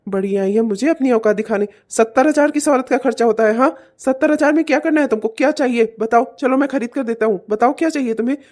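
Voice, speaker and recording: Casting: woman as a high-ish, mellow-toned cartoon husband, short-fused. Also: fast talker, few pauses, lightly acted. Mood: angry. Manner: angry, threatening. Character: hot-tempered young husband, fed up. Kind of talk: cartoon voice acting.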